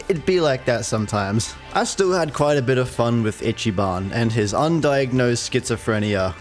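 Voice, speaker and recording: A young man narrating a casual scripted video game review in a slangy, profane, dryly joking way. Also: mid-range voice. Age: young adult. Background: faint music.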